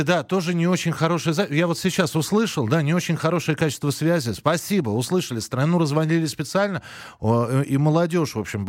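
A man hosting a live radio phone-in in a conversational, halting, self-correcting way. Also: fairly high pitch, dry recording, studio quality. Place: dry studio.

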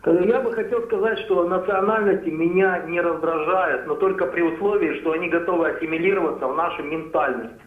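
Tinny echoing phone call, man, high-pitched voice, insistent, opinionated, rhetorical questions. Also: brisk. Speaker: phone-in caller. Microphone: telephone. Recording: echoing, narrow-band telephone line.

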